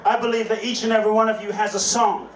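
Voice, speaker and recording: A man giving an inspirational speech to a live audience, slow and dramatic, repeating his questions and leading call-and-response. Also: high-pitched, fairly even intonation. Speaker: inspirational speaker. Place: event hall. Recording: echoey hall, distant mic, faint noise.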